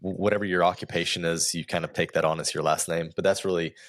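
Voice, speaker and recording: A man with a low voice hosting a podcast interview. He talks in a measured way with occasional "uh"s and asks encouraging follow-up questions. The recording is dry, with no room sound. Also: fairly even intonation, fairly bright tone, dry recording. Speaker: podcast host. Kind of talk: interview conversation.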